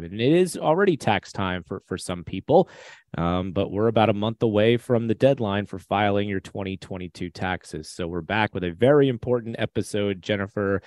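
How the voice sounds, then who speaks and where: Man, podcast host, casual chat, halting delivery, dry room. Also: on the low side, a little mellow, dry recording. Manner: halting, many restarts and fillers.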